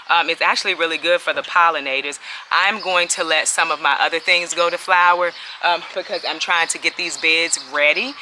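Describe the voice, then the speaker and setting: A woman's voice: on the low side, pushed and bright, a little hiss or hum. A woman chatting casually to viewers while working in her backyard garden. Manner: chatty, laughing, talks to viewers as y'all. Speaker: urban homesteading vlogger. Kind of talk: casual garden vlog chat.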